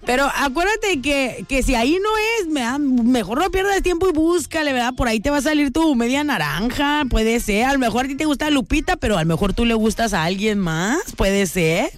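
High-voiced Mexican woman radio host. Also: lively intonation, brisk, hardly any pauses. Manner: affectionate, teasing, playful. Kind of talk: call-in radio chat.

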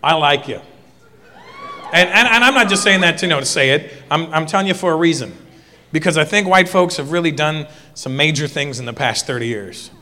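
High-voiced comedian in a reverberant club. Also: male voice. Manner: animated, acts out characters in quick voices. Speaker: stand-up comedian. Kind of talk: stand-up comedy set. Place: comedy club stage before a live audience.

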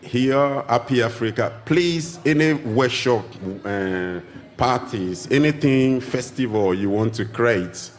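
A man from Ghana, a drumming teacher, talking casually as a guest in an interview at a festival broadcast, animated and acting out greetings. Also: slow. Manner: animated, acts out greetings in a high voice. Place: outdoor festival live broadcast.

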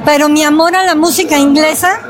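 A middle-aged Mexican woman speaks to a reporter in a high voice, talking eagerly and at length. A busy street crowd hums behind her. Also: fairly even intonation, a little fast. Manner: enthusiastic, talks at length. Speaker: interviewed fan.

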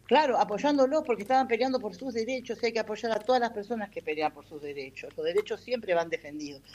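A woman representing a patronato explains a legal matter in radio-style interview answers, hesitating often with fillers like "este". Her mid-range voice is quick and darkish in tone.

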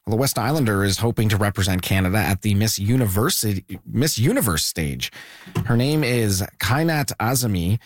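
Low-voiced male news host. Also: fairly quick, no echo, studio quality. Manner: relaxed handovers, then a read introduction. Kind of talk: news presenting with casual banter.

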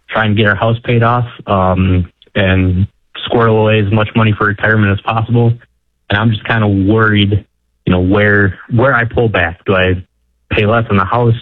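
Low-voiced male caller on a tinny phone line. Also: dry recording. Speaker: radio show caller. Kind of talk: call-in question to a radio show. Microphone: telephone.

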